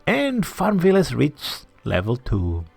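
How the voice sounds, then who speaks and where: A slightly high male voice with wildly swooping pitch, creaky and a little mellow with a breathy edge, delivers city-building let's-play commentary at a measured pace on a dry recording. The gaming channel host thinks aloud, mutters asides, and occasionally whispers, staying chatty and self-deprecating with viewers.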